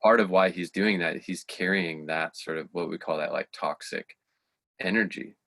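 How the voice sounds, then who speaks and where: Deep-voiced male host, dry sound. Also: moderate pace, creaky, pushed and bright, no room sound. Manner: reflective, searching for words. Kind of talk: conversational interview.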